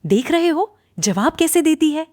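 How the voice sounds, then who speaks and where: A woman voicing a stern, nagging older mother-in-law with sharp, taunting lines in a cartoon story. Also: high-pitched, big pitch swings, measured pace, no room sound, clean studio sound, pitched above the performer's own voice.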